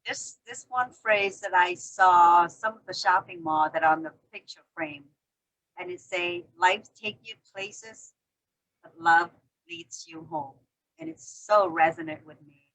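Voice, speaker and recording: Brief low-voiced host. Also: female voice, fairly bright tone, poor audio. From Vietnam. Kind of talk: hosting a conversation.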